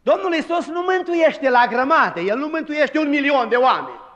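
A man's voice: extremely high pitch, expressive, a bit bright, long reverb tail, muffled recording. A man preaching a sermon as pastor, with emphatic delivery and dramatized quoted lines.

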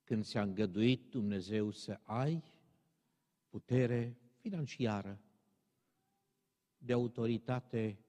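A man's voice: fairly low pitch, pauses often, mellow. Preaching man in an echoing hall. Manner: emphatic, rising to stern exhortation. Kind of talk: sermon. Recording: long reverb of a large hall.

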